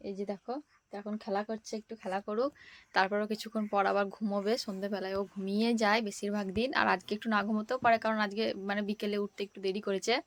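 Fast-talking young Bengali mother vlogging. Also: medium pitch, level tone, dry recording. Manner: chatty, addresses viewers as friends, frequent fillers. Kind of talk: casual daily vlog narration.

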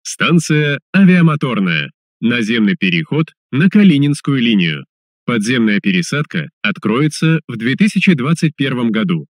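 A man delivers recorded subway announcements in a mid-pitched voice with lively intonation. His delivery is formal, measured and carefully articulated, as befits a train announcer. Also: no echo, studio quality. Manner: formal, measured, clearly enunciated.

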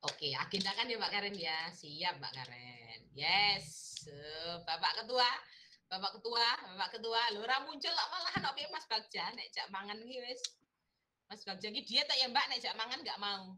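On a video call with her students, a Javanese-accented university lecturer keeps the online class chat playful, laughing a lot and teasing. Her medium-pitched voice is animated, bright and forceful, at a moderate pace.

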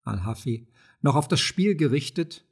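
A man narrating an audiobook of a play, reading the stage directions in a steady, measured way. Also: medium pitch, slightly rough.

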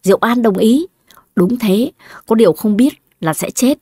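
Cutting, jealous first wife, voiced by a husky-toned woman, dry close sound. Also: a little high, expressive, warm tone, no room sound. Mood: scornful. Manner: cutting, nagging, quick retorts. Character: sharp-tongued scheming older first wife.

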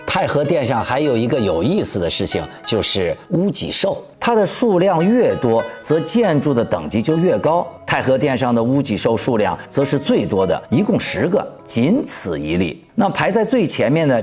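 A man narrates like a conversational presenter explaining things to viewers. His mid-pitched voice moves up and down in a lively way. Music plays underneath. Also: normal speed, few pauses. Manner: conversational, explaining with rhetorical questions. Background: background music.

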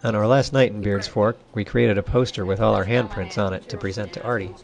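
A man's voice: fairly low pitch, fairly even intonation, brisk, creaky. Wry male voice-over narrator. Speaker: narrator of a travel video. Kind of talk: scripted narration. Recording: music beneath the voice-over.

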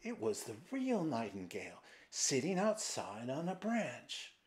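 Slow hushed male storyteller. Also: mid-range voice, huge pitch swings. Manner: slow, hushed, dramatic, with whispered passages. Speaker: storyteller and translator. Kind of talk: fairy tale reading. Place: old mill, indoors.

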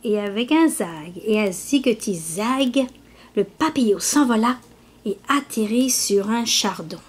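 Slow high-voiced woman reading a picture book. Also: expressive. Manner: slow, clear storytelling. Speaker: storybook reader. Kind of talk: children's read-aloud narration.

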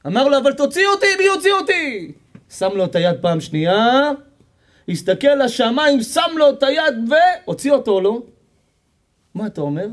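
A man preaches as a rabbi, his voice high and swinging widely in pitch as he acts out the people in his stories. He jokes, teases the listeners and questions them as he goes. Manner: animated storytelling, acts out characters, jokes and quizzes the audience. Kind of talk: sermon with storytelling.

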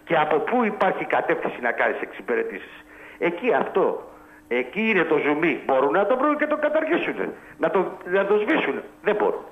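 A man's voice: fairly high pitch, very animated. A man calling in to a radio show, talking football in a heated, emphatic and blunt way. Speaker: radio caller. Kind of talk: heated call-in football talk. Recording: tinny phone line.

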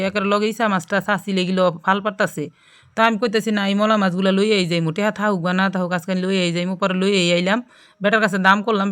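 Fast, chatty woman with a Gazipur accent. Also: medium pitch, fairly bright tone. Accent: Gazipur regional Bangladeshi Bengali. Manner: chatty, talks straight to viewers with frequent check-ins. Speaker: cooking channel host. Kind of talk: casual cooking vlog narration.

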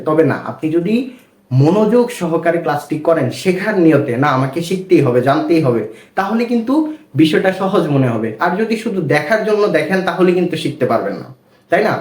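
Guy teaching a reading lesson, high-ish voice, slow and patient, keeps asking questions, roomy echo. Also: a little mellow. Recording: echoey room.

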